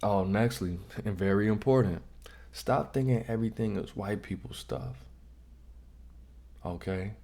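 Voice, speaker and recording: A man with a fairly low, dark, mellow voice hosts a casual reaction commentary. He gives blunt, slangy advice straight to the viewer and often circles back to repeat himself. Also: measured pace, long pauses. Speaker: vlog host.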